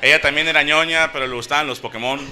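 A man's voice: fairly high pitch, steady tone, fast, bright, forceful tone. A man in his thirties with a Mexican accent performing a crude, slangy stand-up comedy monologue, acting out voices as he tells stories. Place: comedy venue with an audience. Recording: noisy live stage recording. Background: audience laughter.

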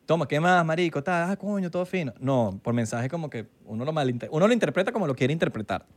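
A man's voice: on the high side, expressive, fast. A young man with a Venezuelan Spanish accent, co-hosting a casual podcast chat and acting out quoted dialogue in a slangy, laid-back way. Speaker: podcast co-host.

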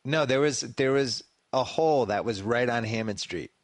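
A man's voice: medium pitch, moderate pace, no echo, clean studio sound. A middle-aged man from Massachusetts, hosting a podcast with wry, joking banter. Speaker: podcast host. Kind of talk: casual chat.

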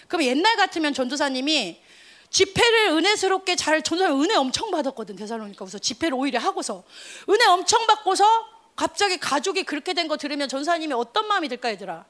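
Female youth pastor, middle-aged, high bright voice, animated storytelling sermon that builds to fervent calls. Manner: animated, rising to fervent exhortation.

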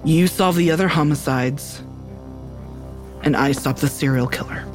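An actress playing a blunt, tough sheriff who speaks in a curt, commanding way. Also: female voice, deep voice, a little slow, over loud music. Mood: stern. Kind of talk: audio drama acting.

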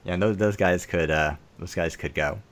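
Deep-voiced man breaking down tactics. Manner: analytical, measured tactical breakdown. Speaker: podcast co-host. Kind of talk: casual football podcast analysis.

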